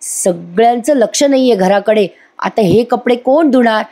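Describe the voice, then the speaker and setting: A woman's voice: a little high, animated, normal speed, mellow. A woman voicing a scheming young wife in a TV serial recap, whining and protesting in a raised voice.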